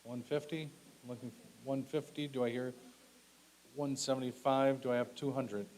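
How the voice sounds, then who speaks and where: A man runs a live auction, calling bids and lots in brief, clipped, repetitive phrases and offering polite thanks and asides. He speaks at a normal speed in a steady, medium-pitched, darkish tone, and the low-quality recording has clearly audible hiss.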